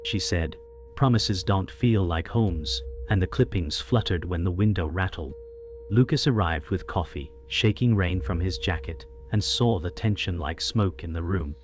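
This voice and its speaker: A man narrating a scripted story in an even, descriptive way. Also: sits low, normal speed. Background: faint music.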